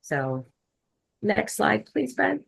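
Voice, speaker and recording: A woman leading a health department, presenting slides to a board over a video call in a measured way with frequent fillers. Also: medium pitch, sing-song, creaky, husky, poor audio. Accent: Philadelphia. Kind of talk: formal online meeting presentation.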